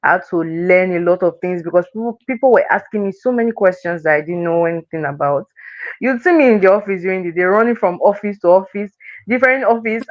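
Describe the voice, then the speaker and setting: A woman's voice: fairly low pitch, dry recording, highs cut off. A woman from Nigeria's Delta region, a chatty interview guest who restarts her phrases and laughs often. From Delta State, Nigeria. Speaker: guest, sales closer. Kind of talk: casual interview chat.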